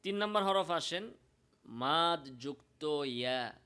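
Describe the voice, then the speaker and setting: A man with a Bangladeshi Bengali accent teaching Quran pronunciation, explaining slowly and demonstrating sounds in drawn-out chanted examples. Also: a little high, lively intonation, sharp tone, clear, resonant tone. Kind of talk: recitation lesson.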